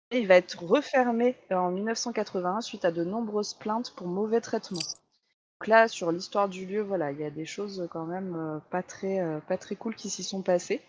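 A woman's voice: mid-range voice, a little mellow, lo-fi sound, slight background noise. A woman hosting a casual talk show, chatting with many hesitations and fillers as she introduces a haunted place. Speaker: host.

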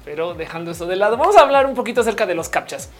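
A young Colombian woman hosts a casual livestream, reading comments and laughing often in a chatty, playful manner. Her medium-pitched voice is expressive and very fast, with faint music in the background.

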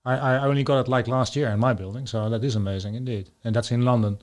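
A man's voice: mid-range voice, steady tone, fast, darkish tone. A man with a Dutch accent hosting an interview over a call, asking curious questions and giving short encouraging replies. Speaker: podcast host. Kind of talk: casual interview. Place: home in London.

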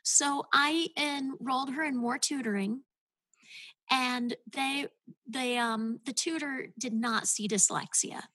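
Woman with a high husky voice, earnest and heartfelt, dry close sound. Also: slow, sharp tone, no room sound, rough recording. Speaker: guest, homeschooling mother. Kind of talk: casual podcast interview.

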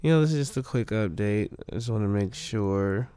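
A man's voice: on the low side, a little fast, dark tone, clear, resonant tone. A man chatting casually at home for a vlog update as an expectant father. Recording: noisy background room ambience.

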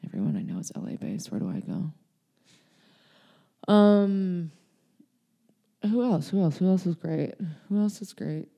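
Young woman, casual podcast guest; mellow tone, candid, meandering delivery. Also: fairly low pitch, very animated, measured pace, creaky, pauses often. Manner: rambling, filler-heavy, candid. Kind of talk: casual chat. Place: LA area.

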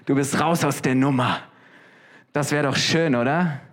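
A man's voice: medium pitch, measured pace. Conversational male preacher. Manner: lively, conversational, asks the audience questions. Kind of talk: sermon.

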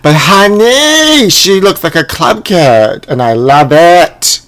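A man's voice: high-pitched, lively intonation, slow, fairly bright tone. A man hosting a comedic podcast from inside a closet, chatting in a campy way and calling people honey. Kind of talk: casual comedic chat.

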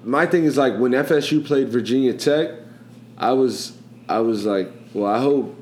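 A man's voice: mid-range voice, normal speed, a little mellow. A man hosting a casual sports podcast, talking in a rambling, chatty way and often asking "you know what I'm saying.". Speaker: podcast host. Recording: echoey room, faint background noise.

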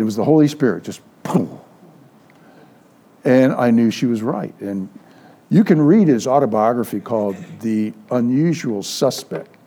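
An older man teaching a church Sunday school class, telling anecdotes and acting out the dialogue. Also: medium pitch. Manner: lively storyteller, acts out quoted dialogue. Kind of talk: informal sermon with storytelling.

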